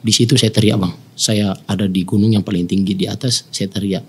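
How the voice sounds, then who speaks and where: A man from Samarinda in his thirties, a footballer guest telling his story earnestly in a casual interview, often dropping to a soft voice. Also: steady tone, a little fast, husky. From Samarinda, East Kalimantan, Indonesia. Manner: earnest, often drops to a soft low voice when moved.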